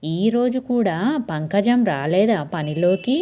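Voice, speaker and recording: A woman's voice: medium pitch, lively intonation, dark tone. A woman voicing a joking, exasperated young husband who drags out his teasing lines. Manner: teasing, drawn-out.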